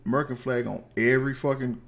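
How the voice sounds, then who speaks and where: A man's voice: mid-range voice, steady tone, fast talker, gravelly, fairly bright tone. A man with a headset giving blunt, slangy commentary while reacting to a video at home. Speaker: reaction streamer.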